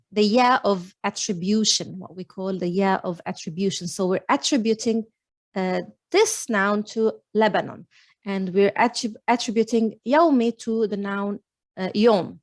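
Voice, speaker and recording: A woman's voice: mid-range voice, dry recording. Patient woman teaching an Arabic lesson. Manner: patient, explains step by step with fillers. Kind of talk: online language lesson.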